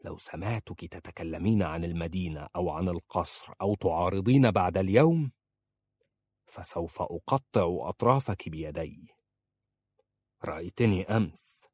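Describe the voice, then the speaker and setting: A man reading an audiobook, voicing a cold, domineering young man who shouts threats. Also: sits low, moderate pace, husky, no echo. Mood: cold menace.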